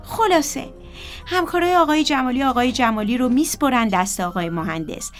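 Woman storyteller, high voice, lively, children's story, faint music behind. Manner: lively, addresses children directly.

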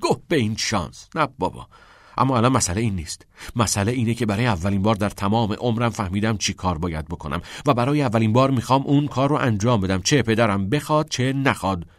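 A man voicing a headstrong teenage schoolboy who bursts out excitedly and insists, in an audiobook reading. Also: on the low side, no room sound, studio quality, close to an everyday voice. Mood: eager. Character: eager, headstrong teenage schoolboy dreaming of acting.

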